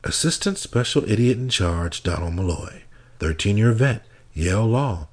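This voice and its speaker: A cold, sneering female kidnapper with a Brooklyn accent, put on by a man reading a crime audiobook. She taunts and drips contempt. The voice sits high above the reader's own, with a husky edge. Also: expressive, normal speed, a little mellow. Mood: taunting.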